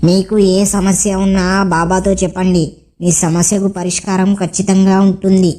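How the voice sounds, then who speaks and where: A woman playing a sharp-tongued old village grandmother who scolds and teases with insults in a comedy skit. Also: medium pitch, little pitch movement, moderate pace, slight background noise, natural voice. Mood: scolding. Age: older.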